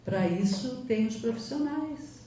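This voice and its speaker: A woman's voice: on the high side, animated, unhurried, mellow. A Brazilian woman, a psychologist, giving an earnest spiritual lecture to an audience, posing rhetorical questions and answering them with emphasis. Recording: echoey hall, distant mic, faint noise.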